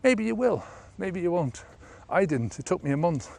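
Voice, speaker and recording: A man's voice: sits high, sing-song, normal speed, vocal fry, darkish tone, a little hiss or hum. A man of about fifty, a sobriety coach, talking casually in a vlog while walking an outdoor trail, rambling with many fillers, filmed on a handheld camera at arm's length.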